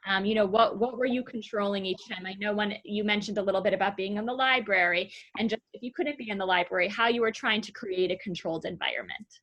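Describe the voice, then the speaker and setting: A woman's voice: mid-range voice, quick pace, few pauses, fairly bright tone, no echo, poor audio. A woman teacher hosting a virtual class over a video call, asking probing, encouraging questions with some hesitant fillers.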